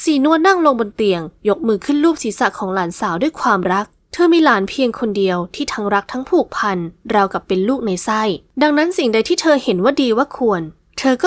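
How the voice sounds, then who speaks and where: A woman narrating a romance novel in a scripted, expressive reading. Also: on the high side, no echo, clean studio sound. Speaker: audiobook narrator.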